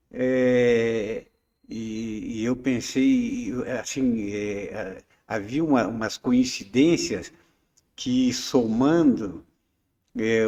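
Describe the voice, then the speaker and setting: A man's voice: mid-range voice, mellow, big-room sound. Hesitant man in his seventies, muffled. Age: 70s. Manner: hesitant, full of fillers and restarts. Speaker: poet and interview guest. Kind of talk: casual interview chat.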